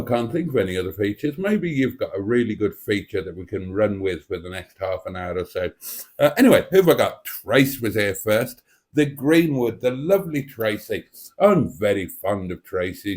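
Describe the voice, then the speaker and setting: A man's voice: on the low side, lively intonation, normal speed, darkish tone. A man hosting a casual livestream, chatting to viewers in a playful, effusive and theatrical way. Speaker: livestream host. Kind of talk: casual chat to live viewers.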